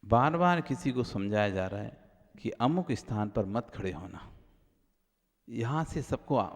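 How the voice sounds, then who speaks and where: A man's voice: mid-range voice, measured pace. A man, a Jain monk, giving a sermon and acting out everyday quarrels in a raised voice. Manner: animated, acts out quarrels in a raised voice. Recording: hall reverb.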